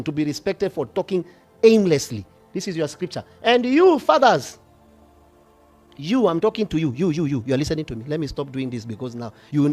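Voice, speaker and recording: High-voiced, fiery Kenyan preacher man. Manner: passionate, switching between whispers and shouting. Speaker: bishop. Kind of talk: fiery sermon.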